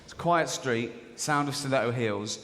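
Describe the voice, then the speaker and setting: A man's voice: mid-range voice, normal speed, a bit bright. British guy doing standup, sardonic, keeps slipping into mocking voices, big echoey theatre w crowd noise. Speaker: stand-up comedian. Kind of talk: stand-up comedy routine. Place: large theatre stage. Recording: live theatre recording with long reverb and audience noise.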